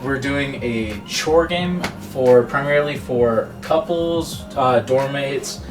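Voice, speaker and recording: A young man, a student, showing his team's code in a relaxed, halting casual interview. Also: mid-range voice. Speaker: student team member. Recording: music bed under voice.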